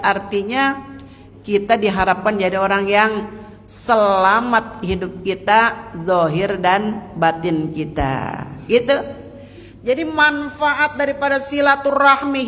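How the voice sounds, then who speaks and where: High-voiced male preacher, slow and folksy. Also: fairly bright tone. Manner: folksy, addresses women listeners directly. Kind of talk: sermon. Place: large mosque hall. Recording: long reverb of a mosque hall.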